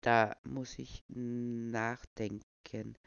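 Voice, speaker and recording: A man voicing a young man who fakes a frail old man, with a croaky, trembling voice, slow and stammering. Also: mid-range voice, no echo, dull audio, pitched below the performer's own voice, exaggerated voice. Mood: deadpan. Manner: slow, halting, stammering, deadpan.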